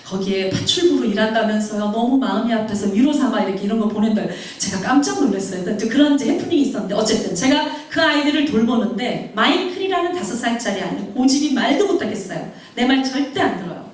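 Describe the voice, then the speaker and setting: In a vast, echoing hall with the microphone well away from her, a missionary preacher delivers her sermon at a fast clip with hardly any pauses. Her voice is high and lively, and she animatedly performs quoted voices as she weaves in personal stories.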